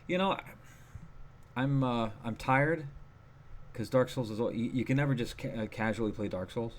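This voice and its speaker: A man's voice: medium pitch, normal speed. A man co-hosting a gaming podcast, chatting casually and rambling with lots of fillers and restarts. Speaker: podcast co-host. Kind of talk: casual chat.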